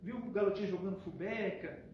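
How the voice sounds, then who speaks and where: A man giving a spiritist lecture, telling a story and acting out the dialogue between a calm father and a pleading son. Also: high voice, fairly quick. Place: spiritist center hall. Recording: echoey hall, distant lo-fi mic, faint hiss.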